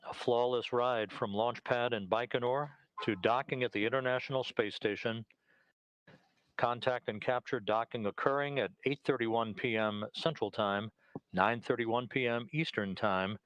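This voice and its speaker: A man's voice: medium pitch, fairly even intonation, moderate pace, a bit bright, smooth, no echo, poor audio. A man giving live commentary on a space mission.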